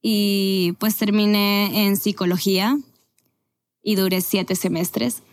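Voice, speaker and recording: A woman's voice: medium pitch, fairly even intonation, slow pace. Podcast guest: woman in her twenties from Venezuela, candid and chatty, mid-range voice. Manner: candid, chatty, with laughs and self-corrections. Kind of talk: casual conversational storytelling.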